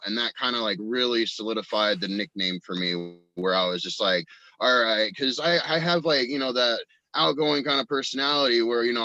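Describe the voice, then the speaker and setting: A man who acts in and writes audio dramas appears as a podcast guest, telling personal anecdotes in an informal, rambling chat and quoting people in acted snippets. His medium-pitched voice is bright and forceful, recorded with no room sound and the highs cut off.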